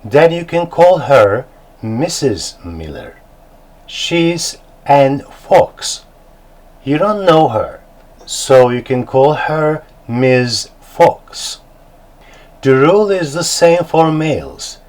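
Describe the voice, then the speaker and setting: Slow, deliberate Turkish teacher. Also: male voice, on the high side, expressive, darkish tone, poor audio. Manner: deliberate, spells words out letter by letter. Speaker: English teacher. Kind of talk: slow, clear teaching for beginners.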